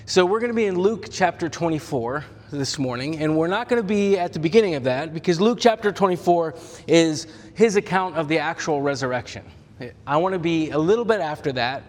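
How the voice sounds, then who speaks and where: A male pastor speaking in a slightly high voice that sounds casual and chatty while he tells a scripture story with jokes and quick character voices. His sermon rings out with a long reverb from the church hall around him. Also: lively intonation, darkish tone. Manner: conversational, humorous storytelling with acted-out voices.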